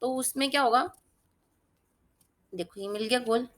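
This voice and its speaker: A woman's voice: a little high, measured pace, a bit bright. A woman tutor giving a casual spoken lesson, chatty and often checking that her students are following. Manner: chatty, keeps checking "theek hai?" and uses everyday examples. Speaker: exam-prep tutor.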